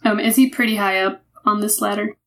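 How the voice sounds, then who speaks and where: A woman's voice: medium pitch, steady tone, brisk, a bit bright. A woman playing a tabletop game, asking the game master questions hesitantly. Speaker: player. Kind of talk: casual tabletop play.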